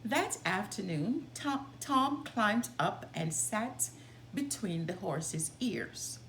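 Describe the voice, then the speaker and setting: Reading a children's story aloud as a storytime host, a woman delivers it expressively and deliberately. Her voice sits in the mid range, and there is slight background noise.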